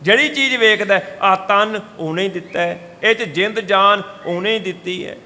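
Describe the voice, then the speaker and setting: A man's voice: high voice, moderate pace, sharp tone, long reverb tail. A man giving a Sikh scripture talk, telling stories and changing his voice for the people he quotes. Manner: storytelling, shifts voice for quoted speakers. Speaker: katha preacher. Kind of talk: Sikh scripture exposition with sung verses. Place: gurdwara hall.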